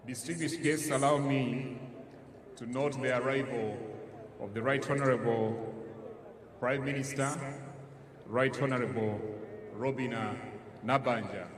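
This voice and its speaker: A man with a Ugandan accent formally announcing at an official ceremony, speaking deliberately and haltingly over a public address system. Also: mid-range voice, steady tone. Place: large outdoor ceremonial grounds. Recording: echoey outdoor PA, noisy ambience.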